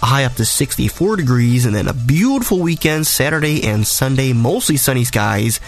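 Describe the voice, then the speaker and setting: A male meteorologist hosts a weather podcast, talking through the forecast in a conversational, detailed way. A cold has left his mid-range voice raspy, yet he stays expressive and speaks at a normal speed.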